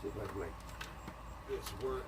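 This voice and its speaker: A hobbyist fixing an antique radio thinks aloud in a folksy way, muttering to himself as he works in a casual hands-on repair video. His voice is on the low side at a moderate pace, and the home-video recording is clearly noisy.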